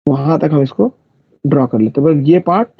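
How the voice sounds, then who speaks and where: Gravelly male math teacher. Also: a little high, animated, brisk, no room sound. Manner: explains step by step, checks if students follow. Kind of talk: live online math class. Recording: dull lo-fi dry recording.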